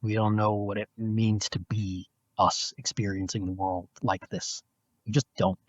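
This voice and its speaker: A man who is a philosophy professor, answering interview questions in a measured, explanatory way over a video call. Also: on the low side, little pitch movement, dry recording. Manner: measured, explanatory, with frequent restarts. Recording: dull, lo-fi, dry video call audio.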